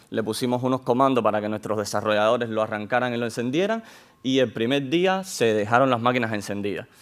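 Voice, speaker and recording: In a conference hall, a man talks through technical material in Spanish with an accent that isn't Spanish, his voice in the mid range. His delivery is measured but full of hesitations, fillers and restarted sentences.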